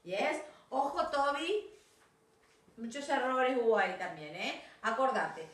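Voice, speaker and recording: Giving recorded feedback to her class, this English teacher speaks with a Rioplatense Spanish accent, correcting mistakes and often making sure students follow along. Her voice sits on the high side, fairly bright and lively, at a slow pace. The mic is distant and she is off-mic in an echoey room.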